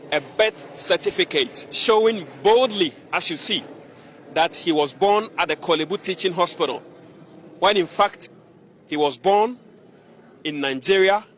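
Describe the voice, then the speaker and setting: A man's voice: high voice, a bit bright, a little hiss or hum. A man conducting a confrontational interview and news report, pressing his subject with repeated pointed questions.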